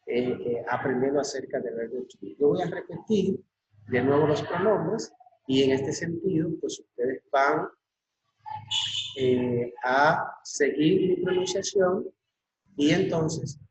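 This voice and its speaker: A male teacher gives an English lesson at an unhurried, deliberate pace, repeating each word for his students. His voice sits a little high for a man. The audio is dull and lo-fi, with a noticeable echo around him. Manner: slow and repetitive, drilling words with many fillers. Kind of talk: classroom lesson video. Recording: echoey room, dull lo-fi audio.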